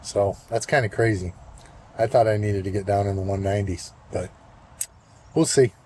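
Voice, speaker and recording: A man in his sixties giving a casual vlog check-in outdoors, talking in a relaxed, rambling way with plenty of fillers. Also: fairly low pitch, moderate pace, slight background noise. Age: 60s. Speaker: vlogger. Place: outdoors, walking and at a golf course.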